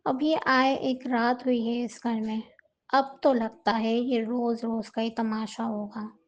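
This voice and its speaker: A woman reading the part of a sharp-tongued household woman who sneers angrily. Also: a little high, flat delivery, takes it slowly, dull audio. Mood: irritated. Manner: angry, sneering remarks.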